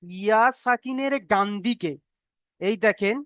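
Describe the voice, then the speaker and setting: Teaching Arabic letter reading for the Quran in an online class, this instructor has a smooth, resonant voice that is mid-range and a little bright. The sound is close, dry, and muffled. Each rule is given slowly and repeated many times, and the teacher often asks "okay?" to keep students on track.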